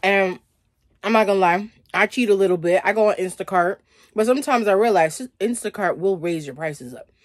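Speaking at a medium pitch and a little fast, a woman in her thirties munches through a casual mukbang in her small bedroom, talking to viewers and saying "like" often. The sound is clean and studio-like, without any room sound.

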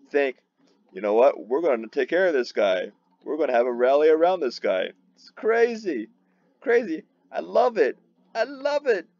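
A man's voice: sits high, darkish tone, dry recording, lo-fi sound. A man hosting his own gaming channel, commenting on his gameplay with eager energy and repeating words when thrilled. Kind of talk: excited game commentary.

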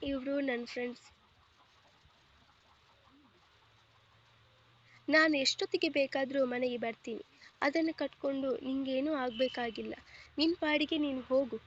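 A woman's voice: sits high, fairly even intonation, moderate pace, husky, lo-fi sound. A woman voicing an arrogant, sarcastic young husband in a storybook reading, curt and mocking.

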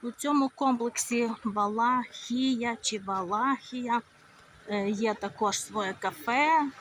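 A Ukrainian woman walks through resort streets outside, filming herself on a handheld phone and chatting conversationally with plenty of fillers. She speaks slowly in a somewhat high, slightly bright voice, with a little background noise.

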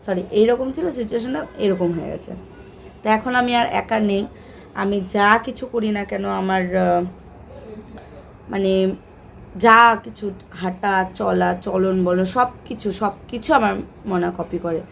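A woman's voice: medium pitch, steady tone, takes it slowly, gravelly, fairly bright tone, slight background noise. A young woman from Bengal vlogging in a casual, rambling way with many fillers and restarts. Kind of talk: casual chat to camera.

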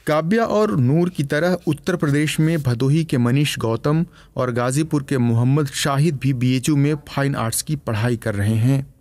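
A man narrating a news documentary in a measured, formal storytelling voice. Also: medium pitch, a little mellow. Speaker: reporter narrating.

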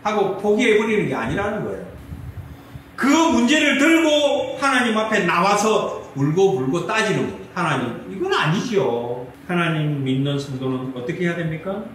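Pastor, man, high animated voice, preaching and quizzing the congregation, echoey church hall, mic at a distance. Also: moderate pace, slight background noise. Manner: lively preaching with rhetorical questions to the congregation. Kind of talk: sermon. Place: church sanctuary.

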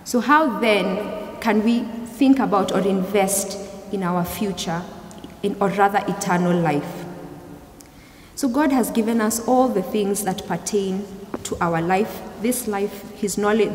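A young adult woman giving a youth service sermon in a measured, explanatory way, often rephrasing as she goes. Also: medium pitch. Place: large church hall, indoors. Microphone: gooseneck pulpit microphone. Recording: echoey hall, clear background noise.

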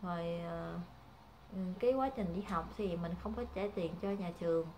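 A woman's voice: on the low side, moderate pace, a little mellow, slight background noise. A young woman, chatting casually to her viewers as a mother, hesitant and full of fillers. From Vietnam. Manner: hesitant, many fillers, calls viewers family. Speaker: vlogger, mother.

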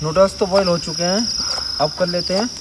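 Young male camping vlogger, casual and excited, loud cricket noise behind. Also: high voice, fairly quick. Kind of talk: casual outdoor vlog chat. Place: forest campsite at night, outdoors.

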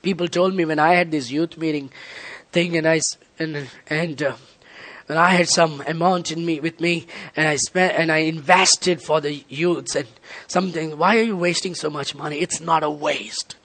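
Guy preaching hard, bright tense voice, lots of shouting. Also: fairly high pitch, steady tone, normal speed. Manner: impassioned, often shouting. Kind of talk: sermon.

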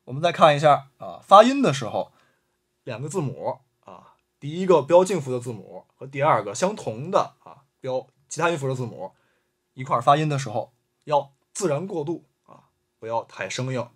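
A man's voice: medium pitch, big pitch swings, moderate pace, a bit bright, breathy edge. A man teaching an online language lesson, patiently repeating example words and adding frequent filler sounds.

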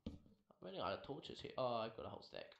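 A man casually chatting while playing a game with a friend, mostly flat and dry with sudden startled yelps. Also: medium pitch, quick pace, vocal fry, muffled recording. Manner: dry, self-described monotone, with sudden yelps. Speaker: gamer. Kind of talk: casual gameplay chat. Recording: roomy home recording, faint hiss.

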